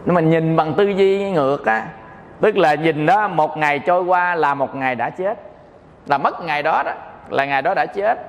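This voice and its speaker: Man, Buddhist monk with a Southern Vietnamese accent, high voice, playful teaching tone, dharma talk in a reverberant hall. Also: moderate pace. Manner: playful, joking, often checks the audience understands.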